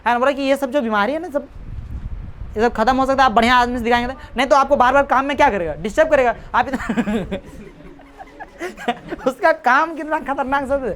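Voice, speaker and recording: Casual teacher explaining a story. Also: male voice, very high voice, fairly bright tone, slight background noise. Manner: casual Hindi-English mix, reads English lines slowly and haltingly; chatty, jokes and scolds the class. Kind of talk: classroom lesson explaining an English story.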